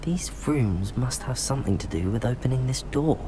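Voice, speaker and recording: A man playing a young wizard student in a video game, curious and composed, musing to himself in measured, scripted lines. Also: medium pitch, expressive, background noise, close to an everyday voice.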